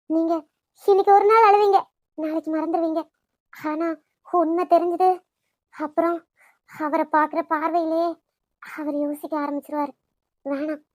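A woman's voice: extremely high pitch, darkish tone, no echo. A woman voicing a worried young woman in a cartoon, with a Kanyakumari Tamil accent, pleading and stammering. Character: anxious young woman, the granddaughter-in-law. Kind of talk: cartoon voice acting.

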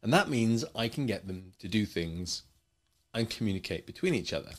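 A man's voice: on the low side, sing-song, moderate pace. A man teaching a coding lesson in a chatty way, explaining with playful asides. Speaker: programming teacher.

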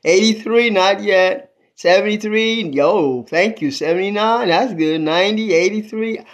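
Speaking at a measured pace in a medium-pitched voice, an elderly woman of 82 chats on a phone livestream from a small room at home. Between greetings to her viewers, she calls out thanks and praise to God, the phone held at arm's length.

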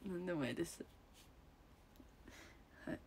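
A woman's voice: fairly low pitch, a little slow, darkish tone, slight background noise. A young woman with a Kansai accent chatting casually on a livestream from her room, answering viewers one by one and giggling often. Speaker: idol livestreamer. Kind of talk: casual livestream chat reading comments. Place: room at home.

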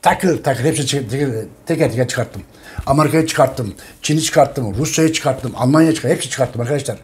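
A man's voice: mid-range voice, fairly quick. A man in an impassioned monologue to his viewers, emphatic and urgent, repeating phrases and pleading with listeners. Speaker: channel host presenting his history book.

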